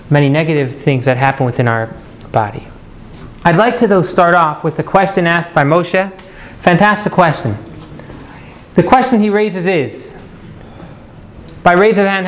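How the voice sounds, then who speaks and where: A man teaching a class as an interactive lecture, putting questions to his students and repeating key points. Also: high-pitched. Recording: noisy live classroom recording.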